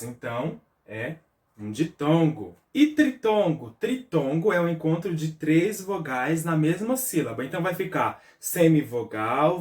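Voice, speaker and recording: A man with a Brazilian Portuguese accent teaches a recorded review lesson for schoolchildren, his voice sitting a bit high. He explains step by step, spelling things out and checking in with his pupils. The sound is roomy, with the mic some distance from him. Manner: patient, explains step by step with frequent "tá?" check-ins and spelled-out syllables.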